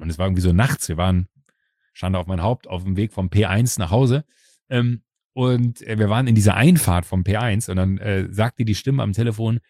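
A man hosting a casual chat who tells a personal story, acting out the voices he quotes and filling pauses with "uh". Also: lowish voice, no echo, studio quality. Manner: lively storyteller who acts out quoted voices, frequent "äh" fillers.

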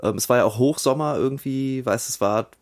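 A middle-aged man in casual podcast conversation. He tells his story animatedly and slips into excited reenactments of what people said. His pitch sits in a middle range for a man. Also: brisk. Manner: animated storyteller, acts out scenes with raised voice. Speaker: podcast host. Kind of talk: casual chat.

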